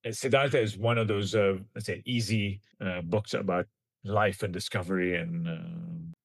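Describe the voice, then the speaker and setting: A Kenyan scientist in his forties, appearing as an interview guest, gives reflective answers in a low, gravelly voice with a steady tone. He speaks thoughtfully and haltingly, often restarting phrases, in a close, dry recording.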